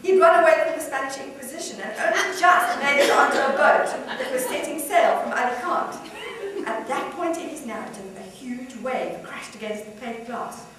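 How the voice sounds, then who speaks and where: A woman novelist reads from her own book in a fairly high voice, amused and easy in her delivery. Strong echo fills the room, and the mic sits far from her. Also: expressive, normal speed, crowd noise. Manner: warm, amused, with light laughter between passages. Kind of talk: author reading from her novel.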